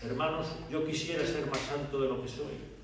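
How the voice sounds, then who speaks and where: Impassioned preacher in an echoey church. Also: male voice, medium pitch, steady tone, moderate pace, a little hiss or hum. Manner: impassioned storytelling, swinging from hushed to loud. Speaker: pastor. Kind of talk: sermon. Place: church sanctuary. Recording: very echoey church, distant mic.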